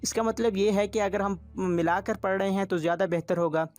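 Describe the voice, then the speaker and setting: A man's voice: high-pitched, steady tone, brisk, darkish tone, dry recording. A man teaching Quran recitation rules step by step, patient and repetitive in his explaining.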